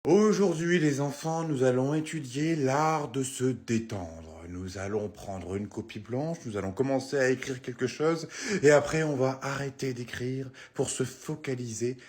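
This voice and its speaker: A man playing a rude, foul-mouthed male schoolteacher who talks slowly and mock-calmly. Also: mid-range voice, lightly acted. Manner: slow, mock-calm, then snapping.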